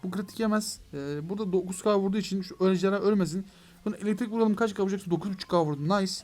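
A young man giving excitable let's play commentary on a mobile game, talking to his viewers and to the game, with mock frustration when things go wrong. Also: sits high, very fast, soft background music. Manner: excitable, addresses viewers as "gençler". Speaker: gaming YouTuber.

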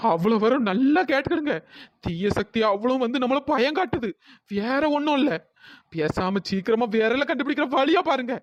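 Bossy young woman for a cartoon: high, pushy, scolding. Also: lively intonation, moderate pace, no room sound, lo-fi sound.

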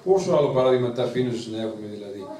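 Priest preaching, far from the mic. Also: male voice, mid-range voice, slight background noise. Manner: lively, emphatic, asks the listeners questions. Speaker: priest teaching a Bible class. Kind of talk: sermon. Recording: roomy, distant mic with faint ambience.

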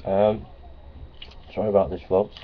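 A middle-aged man with a low voice talks unhurriedly and in a level tone, vlogging casually into a nearby webcam. Plainspoken and repetitive, he fills his speech with ums, uhs, and repeated phrases. Behind him, framed certificates hang in a small office, and the sound is dull and lo-fi with a faint hiss.

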